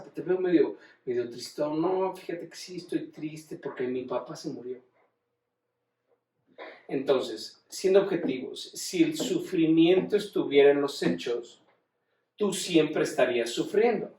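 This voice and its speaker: A man's voice: fairly high pitch, warm tone. Man as an informal teacher; chatty and self-correcting, recorded from afar in a roomy space. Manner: conversational, many restarts and rhetorical questions. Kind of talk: informal lecture. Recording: roomy room, distant mic.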